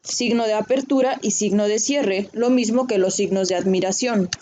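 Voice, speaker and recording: Mellow woman teaching a class. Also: medium pitch, normal speed, a little hiss or hum. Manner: patient explaining, checks in with "¿vale?" and "¿sale?". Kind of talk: recorded online class.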